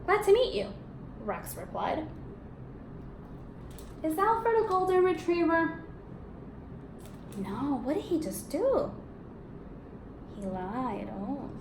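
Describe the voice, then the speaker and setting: This teacher has a high, darkish voice that is very animated, delivered slowly with long pauses. She reads a storybook expressively to young pupils, prompting them with questions and affirming their answers. The space sounds roomy and echoey, with faint background noise.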